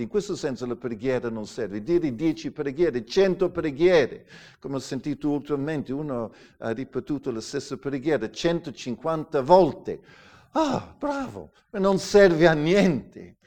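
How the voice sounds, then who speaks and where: A middle-aged man, a pastor, preaching a sermon with emphatic declarations and hushed asides. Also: a little high.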